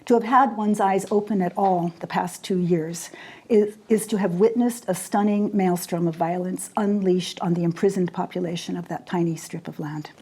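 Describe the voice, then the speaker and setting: A woman in her sixties who grew up in Jordan, a poet and scholar giving a formal lecture in a measured, deliberate way with weighty pauses. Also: lowish voice, fairly even intonation, mellow, husky. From raised in Jordan. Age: 60s.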